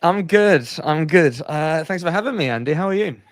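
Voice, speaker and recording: A man in his thirties, a radio sports broadcaster, chats enthusiastically and emphatically as a guest on a casual podcast. His voice is on the high side and expressive, at normal speed, in a dry recording.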